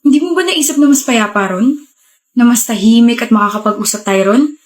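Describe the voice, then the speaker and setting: Casting: babae bilang mapilit at manipulatibong batang boyfriend, utos nang utos, medyo mataas ang boses. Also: female voice, a little high, brisk, lightly acted. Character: pushy, manipulative young male boyfriend. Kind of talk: skit role-play.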